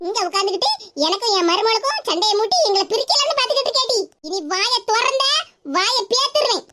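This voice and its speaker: A woman's voice: extremely high pitch, lively intonation, fast talker, heavy background noise. Woman voicing a fiery Tirunelveli mother-in-law. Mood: scolding. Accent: Tirunelveli Tamil. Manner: scolding, blunt, threatening. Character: fiery middle-aged village mother-in-law. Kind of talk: animated cartoon voice acting.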